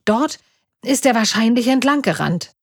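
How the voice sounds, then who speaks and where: A practical police inspector, brisk and matter-of-fact as he works through the clues, voiced by a woman reading the story. The sound is dry and close, a plain storybook reading. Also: on the high side, expressive, no room sound, pitched above the performer's own voice. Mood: thoughtful.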